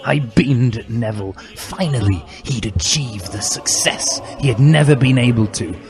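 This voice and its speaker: Taking on the role of a bombastic, theatrical narrator with mock seriousness, a man reads fan fiction aloud with music behind him. He speaks at a moderate pace in a medium pitch.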